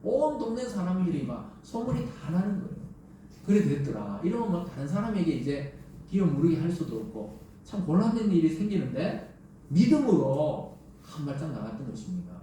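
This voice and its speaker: A man's voice: a little high, big pitch swings, a little fast, warm tone, slight background noise. A man preaching a Sunday sermon as pastor, telling the story vividly and acting out the voices of scripture. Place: church sanctuary. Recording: echoey church hall, distant mic.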